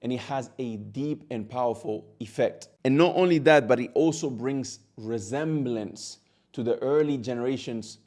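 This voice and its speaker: With a slightly mellow, mid-range voice at normal speed, an Arabic teacher talks straight to the camera in an earnest way. Catalan is his first language, and he repeats a word every so often as he goes.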